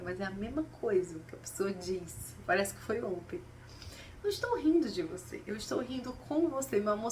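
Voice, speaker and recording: A woman talks casually and expressively to her viewers, pausing and picking up her thread as she reflects. She sits a little back from the mic, with a faint hum underneath. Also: mid-range voice. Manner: expressive, talks straight to viewers, acts out quoted voices. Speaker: spiritual vlogger. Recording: slightly distant mic, faint background noise.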